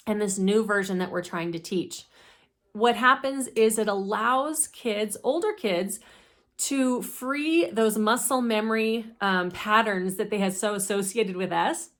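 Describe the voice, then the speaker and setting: A woman speech therapist giving a deliberate, methodical instructional explanation of a teaching method. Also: mid-range voice, a bit bright. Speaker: speech therapist presenting her own teaching deck.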